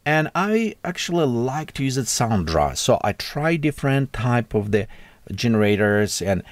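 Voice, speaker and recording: A man hosting a casual software tutorial, speaking halting, non-native English with frequent restarts and self-corrections. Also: mid-range voice, sing-song, dry recording. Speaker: tech tutorial host.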